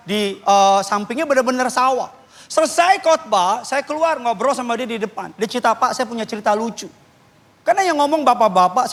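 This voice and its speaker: High-voiced joking pastor. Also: male voice, fairly bright tone. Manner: joking storyteller, mimics voices, punchy preaching. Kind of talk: sermon. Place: church stage.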